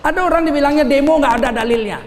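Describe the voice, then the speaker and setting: A middle-aged man preaching a lively sermon with funny stories, animated and teasing, acting out little scenes as he goes. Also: extremely high pitch, very fast. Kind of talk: lively sermon with humorous anecdotes. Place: large hall at a gathering. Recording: echoey hall, faint ambience.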